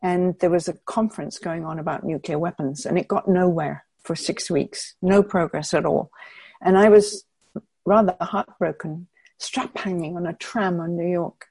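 An older woman from England speaks slowly and thoughtfully, working through her ideas with small restarts. Her voice sits low and mellow with a husky edge. The recording is dry and close. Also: no echo. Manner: measured, thoughtful, with hesitant restarts. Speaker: interviewee, peace researcher. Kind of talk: reflective interview answers.

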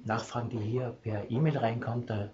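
Man, radio host, slightly dull lo-fi sound, halting questions. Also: medium pitch, steady tone, a crowd in the background. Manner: halting, searching for words. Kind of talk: radio interview.

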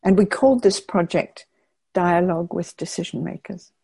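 An older woman from England speaks slowly and thoughtfully, working through her ideas with small restarts. Her voice sits low and mellow with a husky edge. The recording is dry and close. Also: dry recording. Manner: measured, thoughtful, with hesitant restarts. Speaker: interviewee, peace researcher. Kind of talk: reflective interview answers.

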